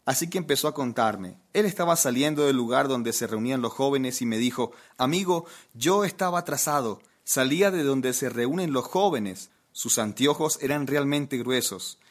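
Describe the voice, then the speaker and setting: A man's voice: medium pitch, normal speed, hardly any pauses. A man preaching a sermon, telling a funny anecdote and asking his listeners questions. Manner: lively anecdote-telling, asks the audience questions. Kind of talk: humorous sermon storytelling.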